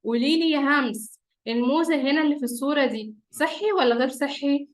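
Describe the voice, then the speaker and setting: Egyptian woman, high voice, teacher talking to little kids with simple coaxing questions and repeated praise. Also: fast, slight background noise. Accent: Egyptian Arabic. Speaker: teacher leading an online class of young children. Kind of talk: interactive lesson for small children. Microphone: computer or phone on a video call.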